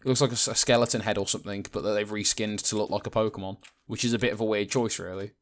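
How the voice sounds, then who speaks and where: A man's voice: on the low side, steady tone, racing, a bit bright. A British man co-hosting a casual let's-play, rambling and joking, laughing often and swearing casually. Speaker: gaming channel co-host.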